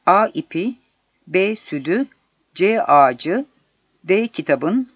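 A man reading quiz questions and their solutions aloud in a measured, deliberate way. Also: sits high, very animated, fairly bright tone, no room sound. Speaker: exam prep narrator. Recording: dull lo-fi dry recording.

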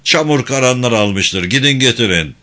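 A man voicing a brisk army captain who gives orders loudly in a storybook reading. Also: mid-range voice, animated. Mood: commanding. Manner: commanding, brisk.

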